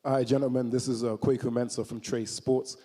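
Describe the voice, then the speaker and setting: A man with a mellow, warm voice introduces himself and asks his question politely with a playful edge. He speaks at an ordinary pace and pitch. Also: level tone, fairly quick. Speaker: journalist. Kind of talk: asking a press question.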